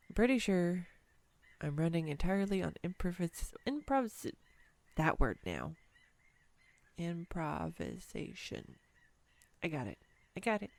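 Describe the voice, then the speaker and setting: In a scripted romantic audio roleplay addressed to the listener, a woman plays a clumsy, nervous, giddy young woman on a first date, using a full character voice. It's lowish, gravelly and a little mellow, and she rambles awkwardly and self-deprecatingly, with halting stumbles.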